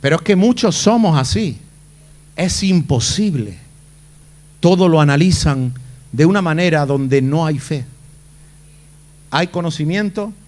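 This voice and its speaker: Male pastor, high voice, dramatic sermon delivery. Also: darkish tone. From Spain. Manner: dramatic, acts out the Bible figures' lines.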